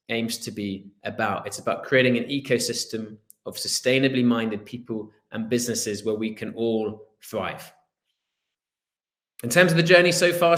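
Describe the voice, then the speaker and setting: A man from Wales in his thirties presents his business on a video call with a Welsh accent. His pitch sits in the middle range, and he talks in an earnest, storytelling way with the odd pause. The room around him is roomy and echoey. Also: a bit bright. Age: 30s. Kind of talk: online presentation. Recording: roomy echo.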